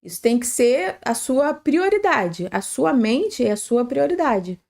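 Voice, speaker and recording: A woman with a high, sing-song voice, a touch of vocal fry and a slightly mellow tone speaks a little slowly. She's a panelist on a live workplace-safety stream, earnestly giving practical advice in answer to a question. She often adds "tá?" and "né?" and corrects herself along the way.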